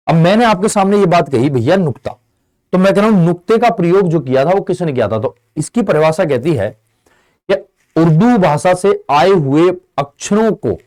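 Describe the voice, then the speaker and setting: A young man teaching an online Hindi exam-prep lesson in a chatty way, calling his students friend and brother, acting out their replies, and slowing down to drag out key definitions. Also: fairly high pitch, a little mellow. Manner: slows down and drags out key definitions.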